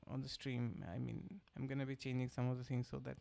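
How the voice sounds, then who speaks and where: A young Bangladeshi man, a native Bengali speaker with a Bangladeshi accent, streams himself coding and chats casually as he thinks aloud, reading chat and answering in a relaxed way. He talks fast at a medium pitch, with some vocal fry.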